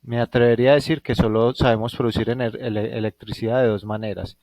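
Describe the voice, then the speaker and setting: A Colombian man talks fast in a medium-pitched, darkish voice with fairly even intonation. Teaching physics in a live online class from home, he thinks aloud and frequently checks that his students are following, all in a Colombian Spanish accent.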